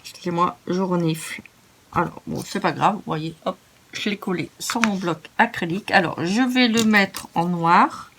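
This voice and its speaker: A woman's voice: lowish voice, moderate pace, a bit bright, slight background noise. A French-speaking woman hosting a crafting tutorial, chatty and self-mocking as she narrates each step. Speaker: craft video host.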